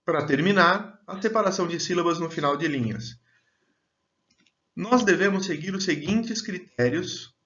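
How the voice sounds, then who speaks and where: A man gives a grammar lesson in a slow, measured voice, dictating example words one by one. His voice sits a little high for a man. The sound is dull and lo-fi, in a room that echoes. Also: fairly bright tone. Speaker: teacher.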